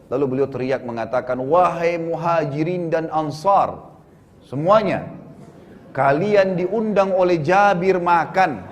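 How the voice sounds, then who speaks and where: A man preaching a sermon, telling a story with animated voice changes and a frequent conversational tag. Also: fairly high pitch. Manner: animated, acts out the dialogue of the story; says "gitu kan" often.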